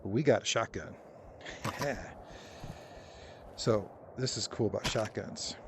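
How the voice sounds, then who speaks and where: A man's voice: lowish voice, slow pace. A man giving casual, rambling VR gameplay commentary, joking and poking fun at himself, in a noisy recording. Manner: rambling, joking, self-deprecating. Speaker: VR game video creator.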